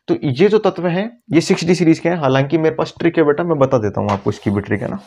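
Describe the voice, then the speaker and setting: A man teaching chemistry at a board, often slowing down to repeat key words and calling his students "beta". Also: fairly high pitch, a little mellow, muffled recording. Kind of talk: classroom lecture at a board.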